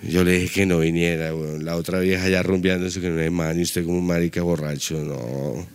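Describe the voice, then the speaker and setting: A man putting on the voice of a drunk man scolding himself in a mirror, gruff and muttering. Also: low-pitched, steady tone, a little fast, pitched below the performer's own voice.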